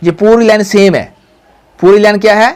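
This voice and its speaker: A woman's voice: mid-range voice, moderate pace, a little mellow, clear, resonant tone. A woman, a Quran teacher patiently guiding a pupil, drawing out each syllable and having it repeated. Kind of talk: patient recitation lesson.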